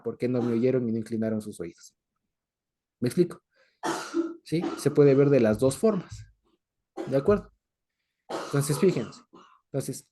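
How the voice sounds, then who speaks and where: Guy giving a bible study lesson, really deep mellow tone, keeps repeating and checking if everyone's following. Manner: explanatory, repeats points and checks understanding with frequent questions. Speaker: Bible teacher. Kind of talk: teaching a scripture study to a group.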